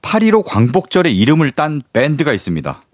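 Male radio guest, mid voice, expressive, dry studio sound, chatty storyteller. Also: on the high side, fast, dry recording. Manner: storytelling, animated, chuckles often. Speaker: music guest on radio show. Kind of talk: casual radio chat, explaining songs.

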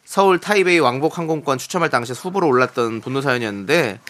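Bright-voiced male radio host. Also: medium pitch, expressive, fast. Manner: chatty, explaining. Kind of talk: radio chat.

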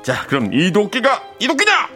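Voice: mid-range voice, huge pitch swings, normal speed, over music. Performer doing a pompous, lazy old mountain spirit. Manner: pompous archaic speech, breaks into lazy grumbling.

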